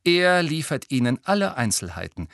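A man voicing a clever teenage girl who speaks in a crisp, firm, cutting way in a storybook reading. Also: a little high, sing-song, moderate pace, fairly bright tone, no echo, clean studio sound, voice pushed up.

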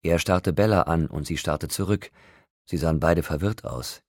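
A man reading an audiobook in a calm, even storytelling manner. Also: deep voice, normal speed, dry recording, studio quality. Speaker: audiobook narrator. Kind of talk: audiobook narration.

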